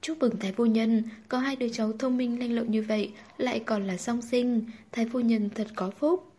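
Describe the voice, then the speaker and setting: A woman reading the lines of a maidservant offering eager, flattering congratulations. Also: fairly high pitch, normal speed, husky.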